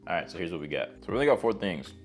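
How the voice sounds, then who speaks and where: Fast-talking deep-voiced young guy vlogging. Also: sing-song, soft background music. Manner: laid-back, chatty, slangy. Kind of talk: casual vlog narration.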